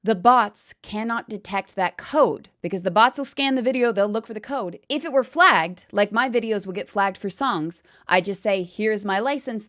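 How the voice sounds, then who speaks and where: A woman video commentator giving an opinion to viewers in an emphatic, explanatory manner. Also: fairly high pitch.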